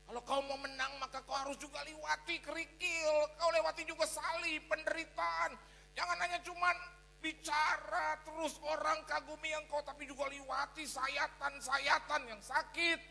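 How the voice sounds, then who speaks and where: A man voicing God during a sermon, speaking slowly and emphatically as he admonishes. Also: extremely high pitch, level tone, gravelly, pushed and bright, in a large hall, voice pushed up, full character voice. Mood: admonishing. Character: God speaking to the preacher, firm and fatherly.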